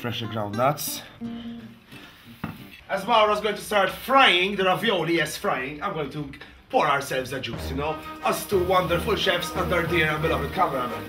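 Man, 30s, goofy cooking show host, small kitchen, loud music under the voice. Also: high-pitched. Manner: playful, theatrical, bursts of shouting. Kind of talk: jokey cooking show banter.

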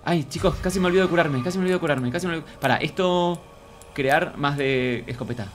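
A man's voice: a little high, fast, a little hiss or hum. A man with a Rioplatense Argentine accent doing let's play commentary, chattering to himself and viewers, repeating phrases and speaking of himself in feminine forms. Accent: Rioplatense Argentine Spanish. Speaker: gaming streamer.

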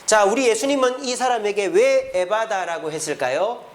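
A man's voice: high-pitched, lively intonation, moderate pace. A middle-aged man preaching a sermon as pastor in a church, acting out the parents and children he quotes.

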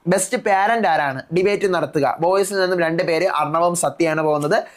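Rapid-fire man recapping a TV episode. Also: a little high. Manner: retells the contestants' lines in quick succession. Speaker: TV show reviewer. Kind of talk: fast episode recap in casual speech.

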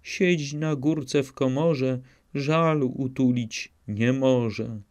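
A man's voice: mid-range voice, extremely slow, a little mellow. A man voicing a young female cat, a chatty maidservant, speaking in sing-song rhyming replies in a storybook reading. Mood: eager.

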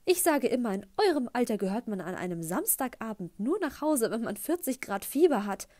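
A woman voicing a gushing, tactless middle-aged mother who talks loudly and effusively. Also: on the high side, sing-song, a little fast, no room sound, studio quality. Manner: loud, effusive, embarrassing chatter.

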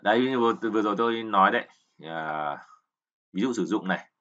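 A man explains kanji to learners, repeating words with patience and frequently checking with "right?" He talks fairly quickly in a voice on the low side with a sharp tone.

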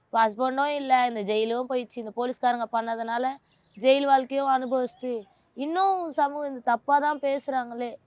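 A woman's voice: sits high, fairly even intonation, brisk, no room sound, muffled recording. A woman, a mother of two, speaks in an emotional interview in a pleading, aggrieved and insistent way.

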